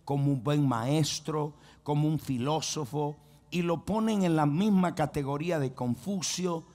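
Emphatic preacher man, somewhat high voice. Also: a little slow, a little mellow. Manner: urges the congregation to repeat phrases and say amen; emphatic, with frequent restarts and repetition. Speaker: pastor. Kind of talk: sermon.

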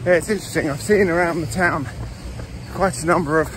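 A man narrating a casual travel vlog while out running, speaking in short phrases with pauses. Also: on the high side. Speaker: vlogger filming a training run. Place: outdoors on city streets and park hills. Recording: outdoor street noise, passing traffic. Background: city traffic and outdoor ambience.

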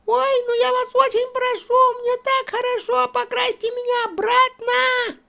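A woman voicing a small childlike cartoon toy train, squeaky, whining and pleading as if being tickled. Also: little pitch movement, unhurried, vocal fry, pushed and bright, full character voice. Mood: ticklish pleading.

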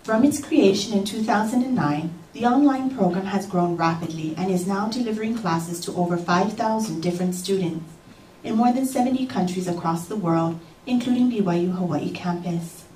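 A woman's voice: mid-range voice, normal speed, a little mellow. Female narrator, scripted promo read, heard from afar in a roomy space. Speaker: video narrator. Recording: roomy, distant, faint noise, played through speakers.

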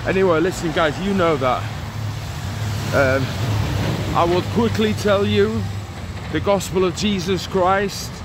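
Walking through a rainy town street, a man in his forties preaches into the phone he holds at arm's length for his street-evangelism vlog. His voice is a touch high for a man and a little slow, and he speaks earnestly and urgently, circling back to the same points. Passing traffic is clearly audible behind him.

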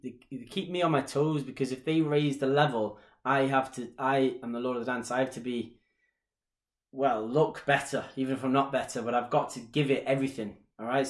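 Here a Mancunian Irish man in his thirties, a dance instructor, fields viewer questions during a casual live stream at home in his small living room. His pitch is medium, and he's chatty with plenty of gestures. The desk-distance webcam picks up a roomy, homey sound.

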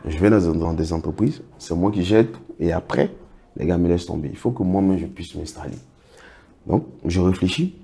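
Middle-aged man, low dark voice, interview guest who tells anecdotes and acts out dialogue. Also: normal speed, gravelly. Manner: recounts anecdotes, acts out others' words. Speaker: interview guest, project financing consultant. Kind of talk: storytelling in a casual interview.

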